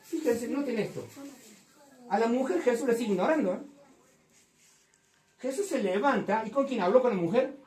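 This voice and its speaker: A woman's voice: fairly high pitch, animated, fairly quick, long pauses, distant mic. Fervent woman preaching in echoey hall. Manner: fervent, rises to loud emphatic passages. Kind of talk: sermon. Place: church hall.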